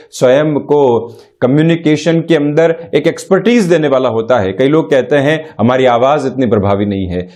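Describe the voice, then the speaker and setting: A middle-aged male astrologer giving a spiritual self-help talk in a measured, formal way, mixing in English terms. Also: on the high side, a little mellow.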